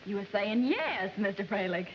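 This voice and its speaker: A woman's voice: mid-range voice, sing-song, moderate pace, natural voice. An actress playing a haughty young woman singer with a put-on Southern accent, in 1940s film style, indignant and demanding. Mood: wheedling. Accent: American South. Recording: dull old film soundtrack with faint hiss.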